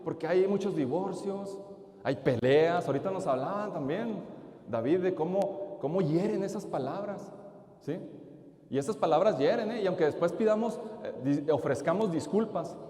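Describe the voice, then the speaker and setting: A man preaching at a retreat, telling a story and firing questions at the audience. His voice sits fairly high. The sound is roomy, with the long echo of a large church. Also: moderate pace. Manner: lively, asks the audience questions. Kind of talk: storytelling sermon. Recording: echoey church hall.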